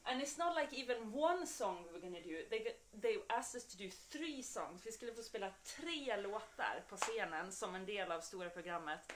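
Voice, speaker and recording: A woman's voice: mid-range voice, lively intonation, moderate pace, few pauses, a little hiss or hum. Chatty swedish woman hosting a music stream. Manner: chatty, switches between Swedish and English, greets viewers by name. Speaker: co-host of a live-streamed music show. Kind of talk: casual bilingual chat with viewers. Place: home veranda during a live stream.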